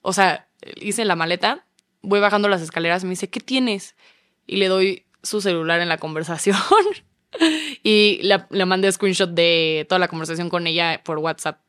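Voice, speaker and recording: Smooth low-voiced Mexican woman. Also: normal speed, no echo, clean studio sound. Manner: animated, acts out quoted dialogue. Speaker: podcast guest. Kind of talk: casual storytelling chat.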